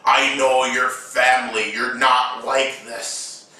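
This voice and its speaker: A man voicing a solemn old man who slowly and earnestly confronts a villain, recorded far off in an echoey room. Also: medium pitch, flat delivery, pushed and bright, a little hiss or hum. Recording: very echoey room, mic at a distance.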